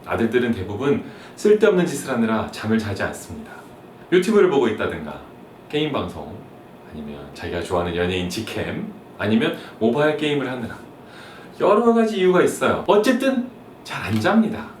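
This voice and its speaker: A man's voice: mid-range voice, sing-song, fairly quick, a little hiss or hum. A young man giving a comic monologue for mothers, playfully acting out whiny sons and nagging moms. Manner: playful, mimics whiny son and nagging mom in sudden jumps. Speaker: comedic explainer for mothers. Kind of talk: comic monologue with acted-out scenes. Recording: roomy, slightly distant mic with faint ambience.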